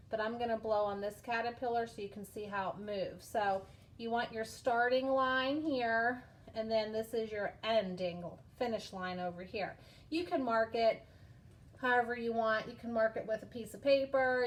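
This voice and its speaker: A woman teaching a craft lesson to preschool children in a patient, sing-song way. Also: on the high side. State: out of breath from blowing through a straw.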